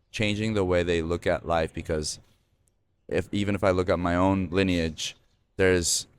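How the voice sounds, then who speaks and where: Here a thirtysomething man hosts a podcast in a low-pitched voice, with a little hiss or hum on the recording. He chats casually and wanders, repeatedly restarting and leaning on fillers.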